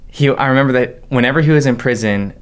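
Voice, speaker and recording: A young man talks through a casual faith discussion in an earnest way. He slows down and leans on key phrases for emphasis. His voice sits at an ordinary middle pitch. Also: clear, resonant tone. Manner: earnest, builds emphasis with slow stressed phrases. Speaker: podcast co-host.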